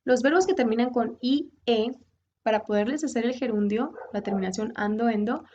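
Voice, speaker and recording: A woman's voice: on the high side, a little fast, mellow, muffled recording, a little hiss or hum. A woman whose first language is Spanish, teaching an English grammar lesson as a virtual tutor and explaining the rules step by step in both languages.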